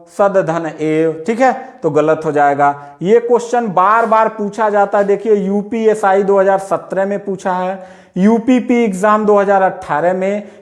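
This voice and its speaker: A male teacher with a voice that sits high gives an exam-prep grammar lesson. He explains things step by step and repeats his own questions back to the listener.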